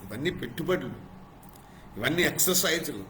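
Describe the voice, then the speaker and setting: A male pastor preaching a sermon, stacking short emphatic phrases into lists and dropping to softer, reflective passages. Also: a little high, lively intonation, moderate pace, echoey room, slight background noise, low-quality recording.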